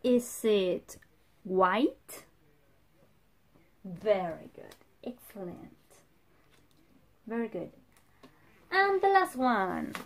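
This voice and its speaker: A young woman, a native Spanish speaker, teaching English to young children in simple, emphatic phrases as if to a toddler, pausing for answers. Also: medium pitch, sing-song. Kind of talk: children's vocabulary lesson with repeat-after-me drills. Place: indoor room in front of a whiteboard.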